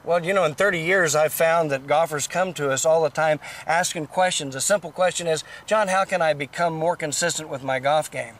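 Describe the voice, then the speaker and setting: A man's voice: a little high, brisk, few pauses, fairly bright tone, far from the mic. A middle-aged or older man speaking as a golf teaching pro, answering in an infomercial interview. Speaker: golf teaching professional, product developer.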